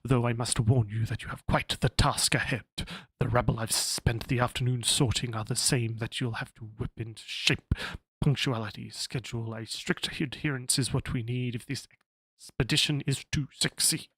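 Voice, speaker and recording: A man's voice: mid-range voice, steady tone, normal speed, fairly bright tone, husky, dry recording. A man with an Australian accent voicing a stern, formal male science officer in a video game, speaking in a clipped and officious way.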